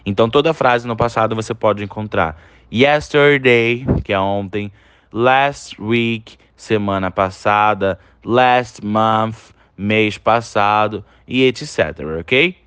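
A man teaching English in a recorded online lesson. He is slow and patient, reads English example sentences very slowly, translates them, and ends phrases with reassuring tags. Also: fairly low pitch, a bit bright, clear, resonant tone, no echo.

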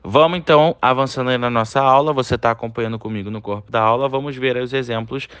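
A man teaching English in a recorded online lesson. He is slow and patient, reads English example sentences very slowly, translates them, and ends phrases with reassuring tags. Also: medium pitch, steady tone, fairly bright tone, smooth, no echo, highs cut off.

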